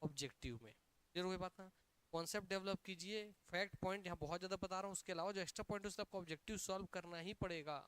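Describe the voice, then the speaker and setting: Speaking in a high, smooth voice at a fast clip, this male coaching teacher has a Chhattisgarhi Hindi accent. He gives an energetic, emphatic classroom lecture that keeps drilling students through repeated questions and answers.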